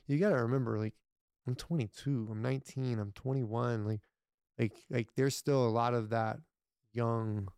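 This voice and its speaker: A man's voice: mid-range voice, fairly even intonation, normal speed, darkish tone, clean tone, no echo, clean studio sound. A man talking as a podcast guest in casual interview chat, rambling with many restarts, blunt and sometimes profane.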